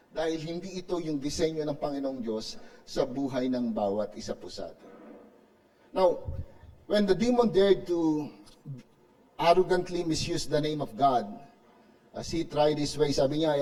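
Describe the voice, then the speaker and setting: Male pastor, Filipino accent, mellow tone, preaching from a distance in church. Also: on the high side. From Philippines. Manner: preaching in Tagalog mixed with English, frequent tag "no?". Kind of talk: sermon. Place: church sanctuary.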